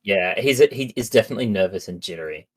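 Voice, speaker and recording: Relaxed low-voiced co-streamer guy. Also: quick pace. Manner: relaxed, explanatory. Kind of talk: casual let's-play chat.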